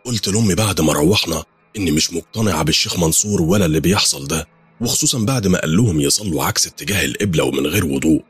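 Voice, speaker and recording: Deep, husky Egyptian male narrator. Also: rapid-fire, dry recording, faint music behind. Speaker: horror story narrator. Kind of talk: first-person horror storytelling.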